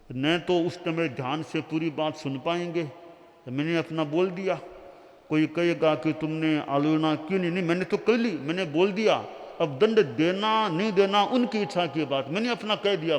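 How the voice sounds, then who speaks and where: Slow-speaking man preaching in echoing hall. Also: fairly high pitch. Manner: slow, deliberate teaching with acted quotes. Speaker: Jain monk preacher. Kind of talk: sermon. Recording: long hall reverb.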